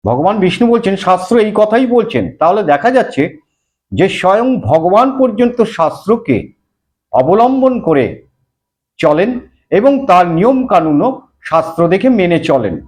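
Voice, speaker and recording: Slow, lively high-voiced man teaching scripture. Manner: recites verses then explains them, chants mantras slowly. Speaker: religious teacher. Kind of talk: scripture explanation.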